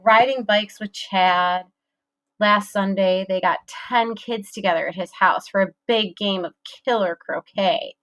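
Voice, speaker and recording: A woman narrating a children's audiobook in a measured storytelling manner. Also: mid-range voice, a bit bright.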